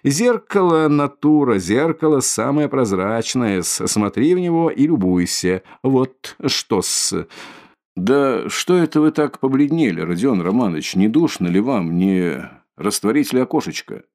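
A man's voice: medium pitch, sing-song, measured pace, a little mellow. A man voicing a sly, fussy middle-aged male police investigator who wheedles and fawns, in an audiobook reading. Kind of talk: audiobook character voice.

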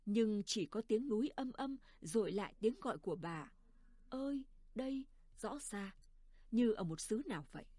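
A woman reading a village story aloud in a calm, unhurried manner. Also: mid-range voice, no room sound. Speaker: narrator. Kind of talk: storytelling narration.

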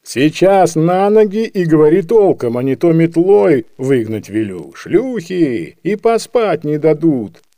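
A bad-tempered school official snaps out curt, rude orders in a loud, measured voice, as a male reader acts him. His words come slow and heavy. The tone is dark and mellow, for a storybook. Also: on the high side, sing-song, no room sound, clean studio sound, pitched above the performer's own voice. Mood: angry. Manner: rude, barking. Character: gruff, irritable male school inspector.

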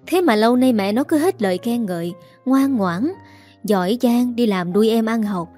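A spiteful older neighbor woman who gossips with a sneer, as a woman reader puts her on. Her voice rises high and pointed on the insults. Soft music runs under the storybook. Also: lively intonation, moderate pace.

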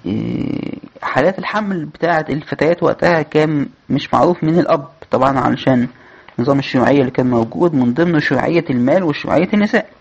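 A man's voice: mid-range voice, vocal fry, slightly rough, dull audio. A man with an Egyptian Arabic accent hosting a podcast, reading book passages aloud and then commenting in casual talk full of hesitations. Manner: reads quoted passages with raised voice, then chats with many hesitations. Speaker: podcast host.

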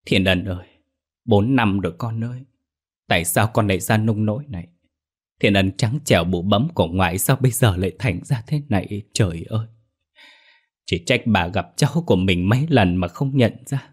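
A man's voice: lowish voice, moderate pace, breathy edge. A man voicing a grieving old grandmother who cries out and laments. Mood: grieving, wailing. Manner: wailing, lamenting.

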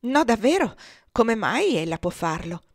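A woman's voice: on the high side, big pitch swings, unhurried, dry recording, studio quality, pitched above the performer's own voice, full character voice. A woman voicing a prim, stiff spinster cousin who speaks in a disapproving way, in a storybook reading.

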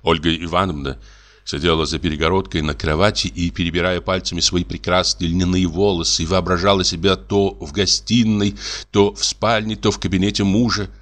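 A man narrating a classic literary story in a measured, expressive way. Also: low voice. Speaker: audiobook narrator.

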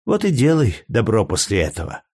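A man's voice: lowish voice, wildly swooping pitch, normal speed, a little mellow, breathy edge, dry recording, studio quality, heavily acted. A man reading aloud and voicing a jealous, scornful young Greek courtesan with a biting, mocking manner.

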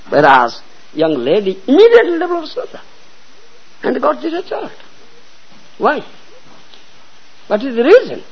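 A male preacher tells a devotional story with a high, husky voice. His pitch leaps up and down all the time. He keeps repeating phrases and asking his listeners whether they follow. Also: highs cut off. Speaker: religious teacher.

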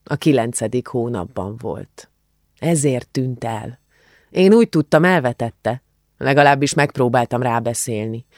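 A man's voice: mid-range voice, expressive, a little mellow, dry recording, clean studio sound, lightly acted. A man voicing a worldly, blunt young woman in an audiobook, talking in a matter-of-fact, confiding way. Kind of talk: audiobook character voice.

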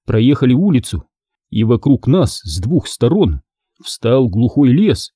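A male narrator reading a children's book aloud with lively, varied pitch. His voice is mellow and husky. The recording is dry and close. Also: a little slow, no echo. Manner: expressive storytelling. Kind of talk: audiobook narration.

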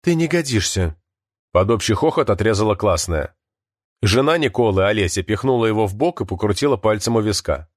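Male audiobook narrator, animated pitch, dry studio sound. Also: a little fast, no echo. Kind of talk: scripted narration.

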